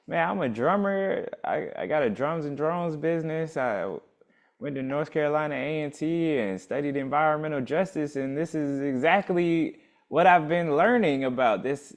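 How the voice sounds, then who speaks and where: A man hosts a relaxed conversation, easygoing but openly excited when something catches his interest. He often backs his guest up with quick affirmations. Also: medium pitch. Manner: enthusiastic, laid-back, affirming. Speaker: interview host. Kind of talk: casual interview.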